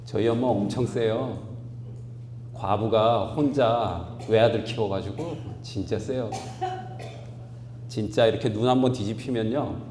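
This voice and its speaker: A pastor in his forties preaches a sermon in a large church hall, his lowish, dark voice telling a story that swells into emphatic, raised outbursts. The recording carries the echo of the hall and a faint hum.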